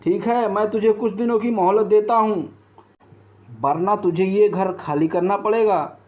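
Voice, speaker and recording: A man's voice: high voice, a little slow, voice pushed up. A man voicing a greedy male crow moneylender who makes stern demands. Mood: threatening. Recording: dull lo-fi.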